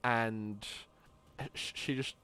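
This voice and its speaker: A man's voice: lowish voice, steady tone, very slow, sharp tone, smooth. A man narrating as game master, often stumbling and restarting his words. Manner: stammering, frequent restarts.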